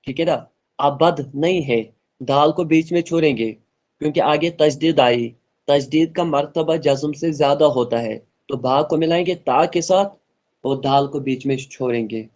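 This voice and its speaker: A man teaching an online tajweed lesson, explaining rules earnestly and repeating points, then modelling slow melodic recitation. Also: on the high side, a little mellow.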